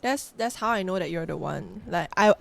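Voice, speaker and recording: A woman, a soft-spoken, giggly guest in a casual podcast chat. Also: on the low side, animated, normal speed, creaky. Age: 20s.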